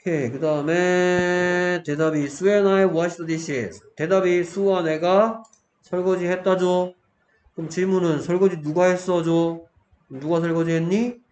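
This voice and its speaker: A man's voice: high voice, fairly even intonation, slow, darkish tone. A man teaching English grammar in a lecture, often stopping to check that students follow and answering his own questions. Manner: keeps checking in with students, asks and answers himself. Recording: echoey room, faint background noise.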